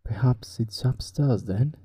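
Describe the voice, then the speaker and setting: A man whose native language is Spanish, speaking with a Spanish accent, hosts a sleep podcast where he reads stories and talks softly to lull listeners to sleep. His voice is mid-range, breathy, husky, and soft, unhurried and sinking toward a whisper.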